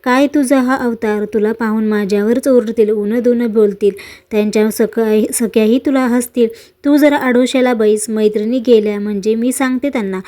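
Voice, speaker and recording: A woman's voice: a little high, fairly even intonation, moderate pace, dark tone, close to an everyday voice. A woman voicing a worried young palace maid in a read-aloud devotional story, fussing and pleading.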